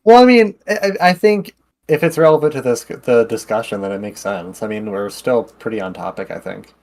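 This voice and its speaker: A man's voice: medium pitch, brisk, darkish tone. Young guy in a chill chat, stammers a bit, repeats words, agrees with everything. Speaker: co-host. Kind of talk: casual chat.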